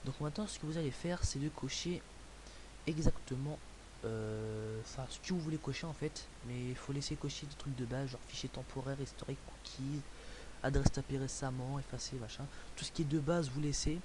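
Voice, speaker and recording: Speaking briskly in a mid-range voice, a young man from France walks through a computer tutorial on screen. He rambles casually, filling it with fillers and false starts, and the home recording is hissy.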